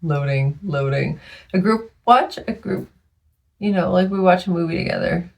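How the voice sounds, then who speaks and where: A woman talks through her own podcast in a loose, chatty way, full of fillers and quick laughs. Her voice has a gravelly fry and sits at an ordinary pitch. She sounds worn out, as if she is losing her voice. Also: steady tone. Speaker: podcast host. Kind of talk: casual monologue.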